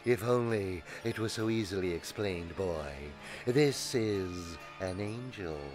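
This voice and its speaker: A man's voice: on the low side, slow pace, music in the background. A man playing a seedy, scheming freak show barker in a radio comedy sketch, all theatrical patter. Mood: grandiose. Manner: theatrical showman patter, slipping into petulant bickering.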